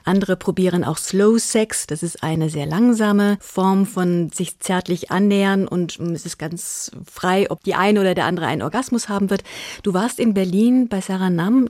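A woman hosting a radio discussion, moderating in a measured, conversational way. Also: mid-range voice, a little mellow, dry recording, clean studio sound. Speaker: radio show host.

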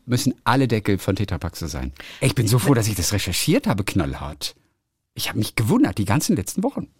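A middle-aged man chats casually on a phone call, his pitch swinging up and down a lot. He sounds playful and a little hesitant, restarting his words. The sound is close and dry. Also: huge pitch swings, quick pace, slightly rough, no echo. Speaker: radio host.

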